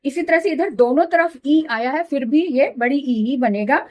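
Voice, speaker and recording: High-voiced woman patiently teaching grammar. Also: a little mellow. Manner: patient, repeats examples slowly, checks understanding. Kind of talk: classroom explanation.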